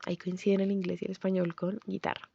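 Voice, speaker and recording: A woman giving a scripted pronunciation lesson, explaining clearly and saying example words slowly. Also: medium pitch, level tone, warm tone, dull audio, a little hiss or hum. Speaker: language teacher.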